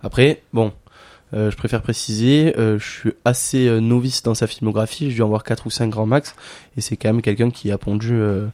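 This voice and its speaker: Male guest on a film chat show. Fairly low voice, halting delivery. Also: fairly even intonation, a little mellow. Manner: halting, searching for words. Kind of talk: casual film discussion.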